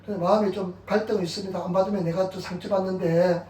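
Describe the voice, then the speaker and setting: A middle-aged man preaches in a church, recounting his own stories with animated energy and an occasional chuckle. His voice sits high for a man. The sound carries the echo of a church hall, picked up from a distance. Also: fast. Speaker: pastor. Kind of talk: sermon with personal testimony. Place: church sanctuary.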